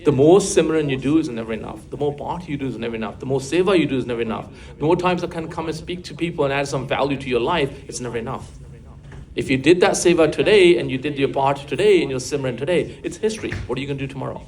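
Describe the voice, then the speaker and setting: Older man, fast-paced religious teacher, coaxing, asks the room questions. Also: medium pitch, darkish tone. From England. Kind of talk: classroom religious talk.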